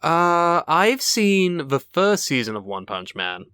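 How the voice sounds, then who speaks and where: Male co-host; sarcastic ranter, animated delivery, dry mic. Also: on the high side, slow pace, clean tone, no echo. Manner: sarcastic, swears a lot, mock-dramatic rants. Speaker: podcast co-host. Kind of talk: casual banter.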